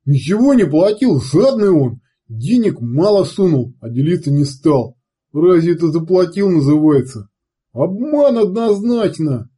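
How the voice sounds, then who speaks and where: A man voicing a crude, excitable male redcap savage who talks loud and whiny in an audiobook. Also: fairly high pitch, breathy edge, pitched above the performer's own voice, full character voice. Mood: boastful whiny. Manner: loud, hurried, whiny boasting.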